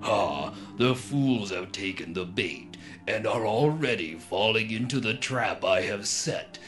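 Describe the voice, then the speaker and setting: A slow, pompous cartoon supervillain. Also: male voice, lowish voice, lively intonation, a bit bright. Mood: gloating. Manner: pompous, deliberate. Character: gloating, grandiose male supervillain mastermind. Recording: music behind the voice. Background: music.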